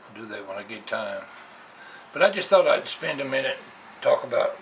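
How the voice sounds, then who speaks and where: This very animated American man has a mid-range, gravelly, slightly bright voice and keeps a moderate pace. Like a hobbyist vlogger, he gives a casual, plainspoken explanation at his computer indoors. The noisy amateur recording comes from a camera's onboard microphone.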